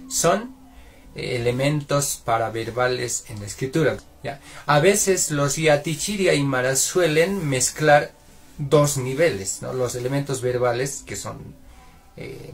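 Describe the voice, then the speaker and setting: Gravelly-voiced man teaching a lesson. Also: medium pitch. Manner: explanatory, often asks "¿no es cierto?". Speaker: Aymara language teacher. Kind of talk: explanatory lesson.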